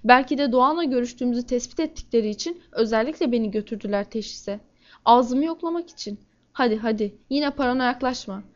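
A woman reading a first-person crime novel aloud in a steady, measured way. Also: on the high side, dull audio. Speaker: audiobook narrator.

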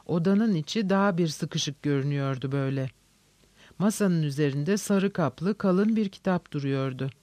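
Male narrator, measured novel reading, dry close sound. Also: a little high, a little mellow, no room sound.

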